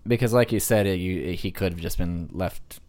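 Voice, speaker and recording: A man's voice: sits low, moderate pace, a little mellow, no echo. A man co-hosting a casual movie podcast, upbeat and teasing. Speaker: podcast co-host. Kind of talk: casual chat.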